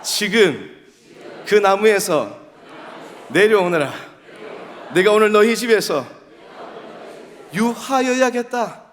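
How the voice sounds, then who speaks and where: A pastor acting Jesus calling out warmly. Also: male voice, sits high, animated, slow, long pauses, voice pushed up. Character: Jesus calling up to a man in a tree, kind and commanding. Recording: long church hall reverb.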